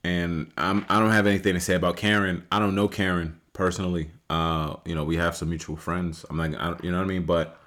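A man in his late thirties hosting a solo podcast, talking casually and rambling with many fillers and restarts, rising loud and high when he makes a point. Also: flat delivery, fairly quick. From United States. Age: 30s. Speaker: podcast host.

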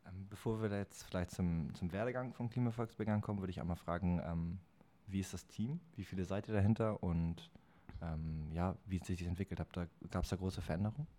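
A man hosting a casual podcast, relaxed and hesitant with many ums. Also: deep voice, a little fast. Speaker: podcast host.

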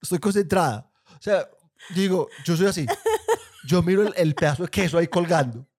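A man, co-hosting a podcast, telling a funny family story in a casual, animated way and acting out the lines he quotes. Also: a little high, fairly quick. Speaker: podcast co-host.

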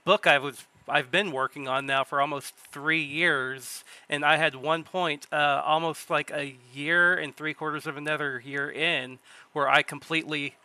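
A man hosting a podcast, chatting casually and relaxed, telling stories and using plain everyday comparisons. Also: fairly high pitch, normal speed, no room sound. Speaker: podcast host. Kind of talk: casual chat.

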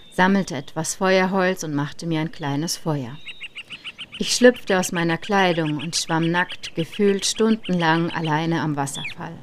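A woman in her thirties narrating a personal travel story in a calm, reflective way. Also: fairly low pitch. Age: 30s. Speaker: podcast narrator.

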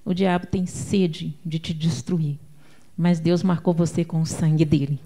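A woman's voice: low-pitched, steady tone, measured pace, warm tone. A woman preacher with a Brazilian Portuguese accent gives an emphatic sermon, calling out to the congregation and telling homely stories.

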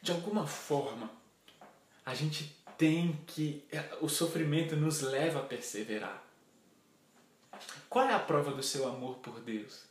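Male preacher, slightly high voice, earnest questioning sermon, echoey room. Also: unhurried, pauses often, a little hiss or hum.

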